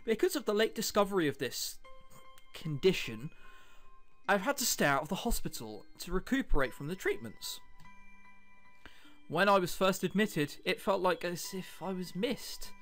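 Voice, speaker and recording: Over background music, a let's player reads a visual novel out loud, adding wry, chatty commentary between lines and stumbling now and then. His voice sits high and is expressive and fairly bright, at a moderate pace.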